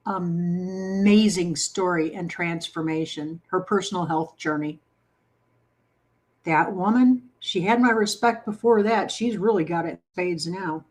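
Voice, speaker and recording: A woman hosting a home baking livestream, chatting casually and answering viewer comments in a playful, encouraging way. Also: mid-range voice. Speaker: baking channel host.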